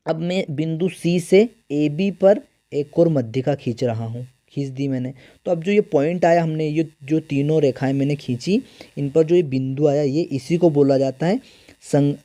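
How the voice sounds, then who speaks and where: A man's voice: fairly high pitch, mellow. A man teaching a math lesson for exam prep. He asks his students questions, answers them himself, and repeats key terms over and over. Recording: echoey room with guitar music behind.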